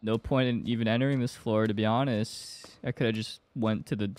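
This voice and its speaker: This game streamer is a young man with a lowish voice who talks a little fast over horror gameplay. He gets jumpy and excitable, yelping and screaming a lot, his mouth close to a desk microphone and headphones on. Clicks and game audio run underneath, all from a small bedroom setup.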